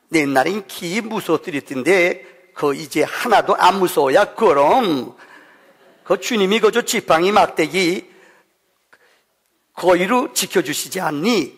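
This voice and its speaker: A man's voice: high voice, gravelly, husky, heavily acted. A man voicing a plain-talking northern man with a Pyongan accent, reciting a psalm in a sermon. He speaks in a long church hall reverb. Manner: homely, questioning dialect.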